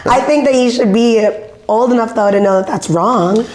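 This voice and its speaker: A woman's voice: fairly high pitch, moderate pace, darkish tone, roomy sound. A woman co-hosting a casual chat, adding short, plain, matter-of-fact remarks.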